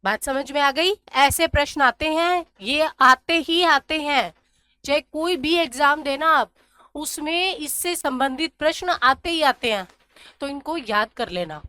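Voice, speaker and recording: A woman teaching a grammar lesson, slowly repeating syllables and asking questions that she answers herself. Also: sits high, sharp tone. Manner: drills syllables slowly, asks and answers her own questions. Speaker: Sanskrit teacher.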